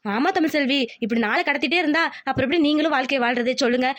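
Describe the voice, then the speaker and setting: A woman voicing a bossy, scheming village mother-in-law in a cartoon, talking quickly and insistently. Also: sits high, fairly bright tone. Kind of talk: cartoon voice acting.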